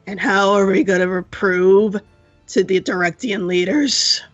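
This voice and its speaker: A woman with a gravelly, husky voice, speaking in character in a tabletop role-playing game. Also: mid-range voice, a little slow, no room sound, highs cut off, faint music behind. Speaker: player.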